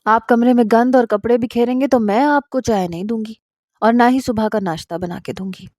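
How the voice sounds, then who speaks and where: A firm, scolding young wife from a storybook, voiced by a woman reading. Her tone is mellow and the sound dry. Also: fairly high pitch, no echo, close to an everyday voice. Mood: indignant. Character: young wife, orderly and indignant.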